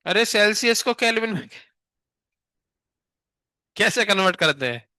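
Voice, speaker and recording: ऊँची, तीखी आवाज़ में छात्रों से सवाल पूछता शिक्षक. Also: male voice, high voice, lively intonation, sharp tone, no room sound, clean studio sound. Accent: Indian English. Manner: questions students rapid-fire, teasing. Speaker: physics teacher. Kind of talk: classroom lecture with questioning. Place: classroom.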